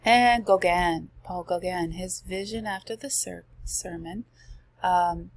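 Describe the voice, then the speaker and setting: With no room sound around her, a woman speaks slowly in a lowish, gravelly voice that's starting to go. She chats her way through art slides, reading passages before tossing in relaxed side comments.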